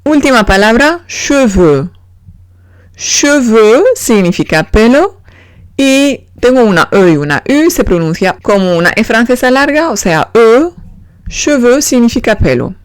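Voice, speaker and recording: A woman's voice: fairly high pitch, very animated, moderate pace, no echo, clean studio sound. A woman giving a beginner pronunciation lesson, patiently spelling out letters and sounds. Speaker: French teacher.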